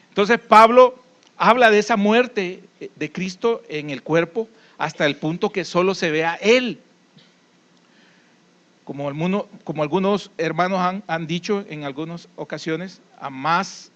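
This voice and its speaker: A man's voice: sits high, fairly bright tone, highs cut off. A man with a Salvadoran accent preaching a sermon in a conversational way, telling folksy stories and checking in with tag questions.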